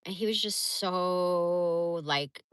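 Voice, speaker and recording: Woman, livestream host, blunt and profane, rambling, bright tense voice, dry close sound. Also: on the low side, slow pace, smooth, dry recording. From San Francisco Bay Area. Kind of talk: casual livestream storytelling.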